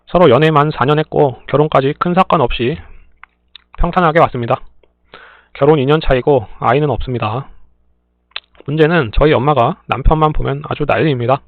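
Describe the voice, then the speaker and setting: A man reading listener stories aloud in a plain, steady way, adding brief dry remarks between them. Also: mid-range voice, dry recording. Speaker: story reader and channel host. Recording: tinny phone-like dry sound.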